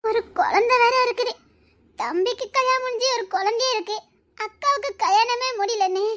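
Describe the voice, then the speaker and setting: A woman playing a very high-voiced grieving young woman. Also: a bit bright. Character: grieving young woman talking with her friend. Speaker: actress in a family drama. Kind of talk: melodramatic dialogue scene.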